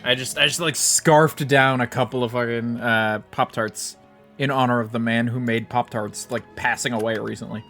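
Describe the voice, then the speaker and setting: A young American man streams a game, offering loose, rambling, self-deprecating commentary with plenty of swearing. His voice sits at medium pitch with fairly even intonation and a fairly bright tone, delivered at normal speed over faint background music.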